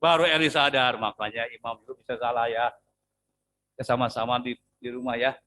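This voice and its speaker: A man's voice: mid-range voice, steady tone, a little fast, pushed and bright, poor audio. A male pastor preaching a sermon in a church in a casual, joking way, and asking the congregation to read along.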